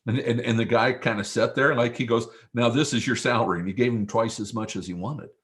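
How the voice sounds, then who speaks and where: A man preaching a sermon in a conversational way, with stammered restarts and stories from sports. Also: a little fast. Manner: animated, pitch jumps high for emphasis. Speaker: pastor.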